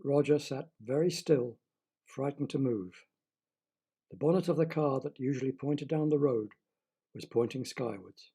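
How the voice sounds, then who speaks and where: A man narrating a story in a lively, dramatic manner. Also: mid-range voice, unhurried, vocal fry, breathy edge.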